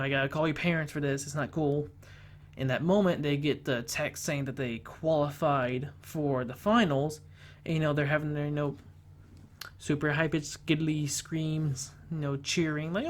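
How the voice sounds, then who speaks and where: A man reviewing a film, talking earnestly and haltingly, often restarting his sentences. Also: medium pitch.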